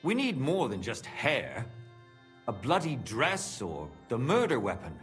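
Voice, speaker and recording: A man's voice: mid-range voice, huge pitch swings, a little slow, fairly bright tone. A worried conspirator in a period game. His voice is blunt and sceptical, rising and falling widely, with faint music beneath. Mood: doubtful. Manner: doubtful, blunt. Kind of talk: video game dialogue acting.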